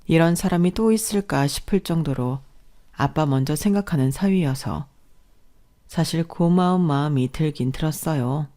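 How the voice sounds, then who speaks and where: A woman telling a first-person family story in a calm, even and confiding way. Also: low-pitched, normal speed.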